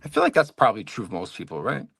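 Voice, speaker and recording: Painting miniatures at a home-studio hobby desk during a stream, this New Yorker from Long Island rambles casually, correcting himself and filling gaps constantly. His lowish voice is gravelly, husky and fairly bright, racing along with wildly swooping pitch, and there's no room sound.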